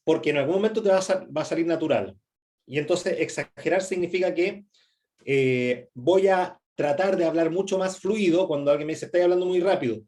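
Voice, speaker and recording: Middle-aged Chilean male instructor, slightly high voice, chatty workshop delivery, constant check-ins and fillers. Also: brisk, a little mellow. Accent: Chilean Spanish. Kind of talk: presentation skills workshop talk.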